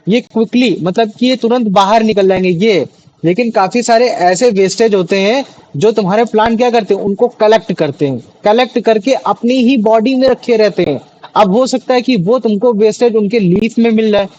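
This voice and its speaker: Brief: male tutor, high pitch, chatty, keeps quizzing students, mix. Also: a little mellow, lo-fi sound. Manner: chatty, repeats questions to students, many fillers. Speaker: teacher. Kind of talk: classroom biology lesson.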